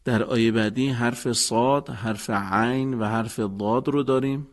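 Calm male instructor, steady lesson narration. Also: mid-range voice. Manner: calm, methodical, explaining pronunciation. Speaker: teacher.

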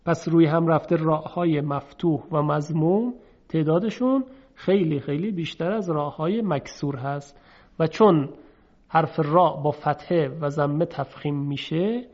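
Male recitation teacher, patient and methodical, slightly high voice, demonstrates sounds slowly; dull lo-fi recording. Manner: patient, explains step by step and demonstrates letter sounds by drawing them out. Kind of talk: explanatory lesson.

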